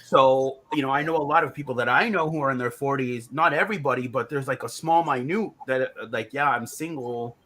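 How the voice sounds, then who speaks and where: Husky, bright-voiced male podcast host. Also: mid-range voice, quick pace, few pauses. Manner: reflective, talks in hypotheticals and examples. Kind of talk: casual conversation.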